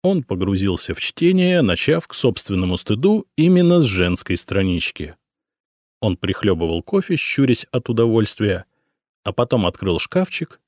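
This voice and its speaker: Low-voiced man narrating an audiobook. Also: darkish tone, no echo, clean studio sound. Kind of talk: scripted narration.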